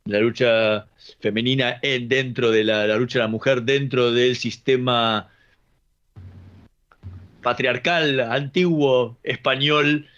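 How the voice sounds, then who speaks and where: A man's voice: medium pitch, steady tone, takes it slowly, a bit bright, dull audio. An Argentine man hosting an interview, asking long questions hesitantly, searching for words with fillers and repeats. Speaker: interview host. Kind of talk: radio interview.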